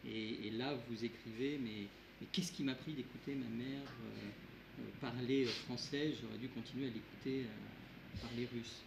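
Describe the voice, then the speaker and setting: Male moderator, gravelly and halting, recorded in an echoey room with background hiss. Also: mid-range voice, fairly even intonation. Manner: hesitant, many fillers and restarts. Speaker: event moderator. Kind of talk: moderating a literary talk. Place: event hall.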